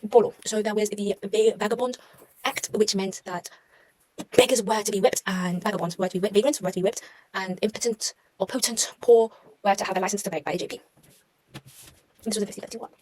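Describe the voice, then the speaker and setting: A woman's voice: mid-range voice, steady tone, brisk, darkish tone, low-quality recording. A young woman talking through her history revision notes in a casual, chatty way, often correcting herself and making wry asides. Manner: chatty, self-mocking, trails off and corrects herself.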